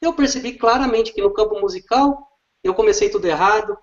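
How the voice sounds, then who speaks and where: A man's voice: high voice, a little fast. A man, an educator explaining literacy step by step and often checking with tag questions. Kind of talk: didactic explanation in conversation. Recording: dull lo-fi recording.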